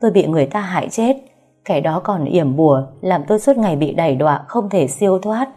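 A woman's voice: fairly low pitch, fairly even intonation, slow, dark tone, slightly rough, soft background music. A woman voicing the tormented ghost of an older nanny who weeps and begs for help. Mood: weeping plea. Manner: weeping, pleading urgently.

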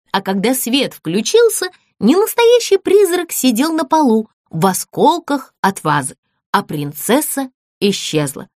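A woman narrating a children's audiobook in a measured, expressive storytelling manner. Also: on the high side, dry recording, clean studio sound.

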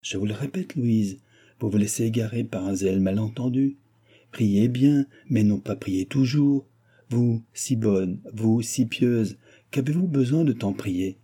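A man's voice: on the low side, measured pace, dark tone, husky. A man reading as an aging proud king. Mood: insistent. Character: aging proud male king, fond father. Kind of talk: audiobook character reading.

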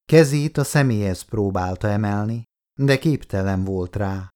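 A man reading an audiobook in a measured, even storytelling manner. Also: fairly low pitch. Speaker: audiobook reader. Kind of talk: audiobook narration.

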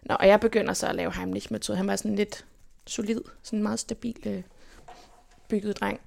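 A young woman from Denmark, telling stories from her life as an interview guest in a lively way and acting out what people said. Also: medium pitch, vocal fry. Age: young adult. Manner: lively, animated retelling with quoted inner speech. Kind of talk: casual personal storytelling.

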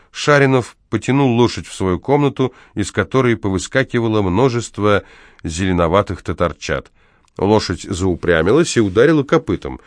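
A man narrating an audiobook in a measured, even reading. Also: low-pitched, no room sound, clean studio sound. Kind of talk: scripted narration.

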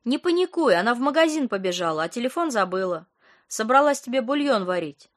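A woman's voice: a little high, animated, a little fast, pitched above the performer's own voice, close to an everyday voice. A woman voicing a breezy, dismissive teenage sister. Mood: flippant. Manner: breezy, sing-song, eye-rolling. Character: younger sister, teenage girl, bratty and dismissive.

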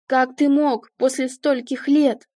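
A woman's voice: a little high, steady tone, normal speed, dark tone, dry recording, studio quality, natural voice. A woman reading the lines of an angry, sarcastic wife confronting her cheating husband, in an audiobook. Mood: furious. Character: betrayed wife, adult woman, furious and sharp-tongued.

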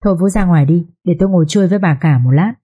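A woman's voice: lowish voice, very fast, dark tone, breathy edge. A woman voicing a scheming second wife who speaks in a falsely sweet, coaxing voice in an audio story. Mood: feigned sweetness.

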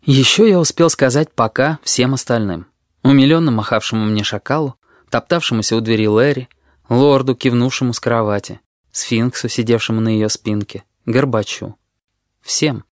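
A man reading an audiobook in the first person, telling the story in a measured, even way. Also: medium pitch, no room sound, clean studio sound. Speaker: audiobook narrator.

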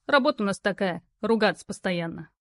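Gruff burly male courier, curt rough slang, voiced by a woman, dry close sound. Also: medium pitch, expressive, a little fast, a bit bright, no room sound. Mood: gruffly kind.

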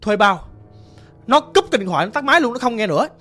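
A man in a Southern Vietnamese accent telling a ghost story in a chatty, animated way, talking straight to his listeners. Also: very high voice, quick pace, soft background music.

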